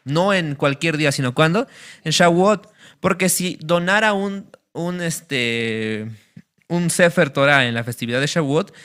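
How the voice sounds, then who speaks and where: A man teaches a class, his voice bright and fairly high for a man. He explains things step by step, pausing on fillers and checking that everyone is following. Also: clear, resonant tone. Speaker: religious teacher.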